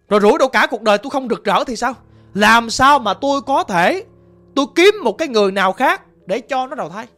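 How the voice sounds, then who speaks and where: A woman's voice: on the high side, fairly bright tone. A woman telling a ghost story in the first person, confiding and emotional, talking straight to a listener.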